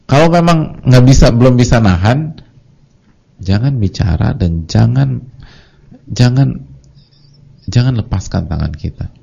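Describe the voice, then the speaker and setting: Male preacher, lively sermon, dark husky tone on a muffled recording. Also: mid-range voice, unhurried, pauses often. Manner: lively, acts out congregants' voices. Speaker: Islamic preacher. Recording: dull lo-fi audio recording.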